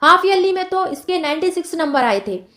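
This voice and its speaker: Brief: timid apologetic mother, read by a woman teacher, hesitant, high voice, roomy sound. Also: lively intonation, brisk, fairly bright tone. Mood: worried. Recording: roomy echo.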